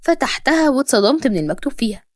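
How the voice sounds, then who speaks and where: A woman's voice: high-pitched, sing-song, rapid-fire, dry recording, clean studio sound. A woman with an Egyptian accent narrating a first-person story expressively. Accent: Egyptian Arabic.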